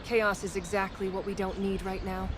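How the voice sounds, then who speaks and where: A woman's voice: medium pitch, flat delivery, normal speed, background noise, natural voice. A woman playing a practical, skeptical adventurer in a fantasy comedy, wry and exasperated. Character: practical, skeptical, dryly sarcastic female adventurer. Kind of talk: scripted fantasy comedy dialogue.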